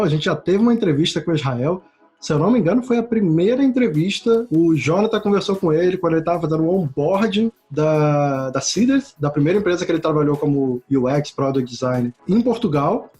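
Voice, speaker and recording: A man's voice: sits high, darkish tone. A man hosting an interview, speaking in a friendly, informal way. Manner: friendly, informal, says "cara". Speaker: interview host.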